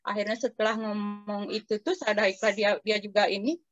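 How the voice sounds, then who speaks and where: A woman's voice: medium pitch, flat delivery, fairly quick, no room sound, muffled recording. A woman in casual conversation, telling a personal experience to her teacher, hesitant and respectful, with many fillers and restarts. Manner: respectful, keeps addressing the teacher. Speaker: participant asking the teacher.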